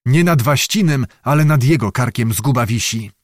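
A man's voice: mid-range voice, moderate pace, dry recording, clean studio sound, close to an everyday voice. Man reading as a resolute young officer.

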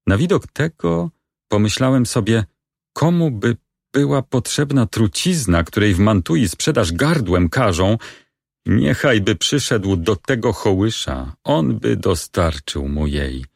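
A man reading the part of a young male lover in grim despair in a stage play, with slow, solemn delivery. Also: fairly low pitch, lively intonation, creaky, no room sound, studio quality, exaggerated voice. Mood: brooding. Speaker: reader of a play.

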